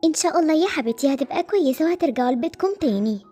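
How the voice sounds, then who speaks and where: A woman with an Egyptian accent voicing a kind, caring headmistress who speaks gently and reassuringly in a game-animation story. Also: high-pitched, expressive, racing, faint music behind. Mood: gentle. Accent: Egyptian Arabic.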